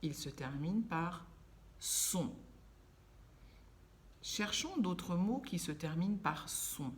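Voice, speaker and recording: A woman teaching young children, speaking slowly and carefully, drawing out words so they can hear each sound. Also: on the low side, expressive. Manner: slow, carefully enunciated, stretching words for children. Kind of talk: children's lesson.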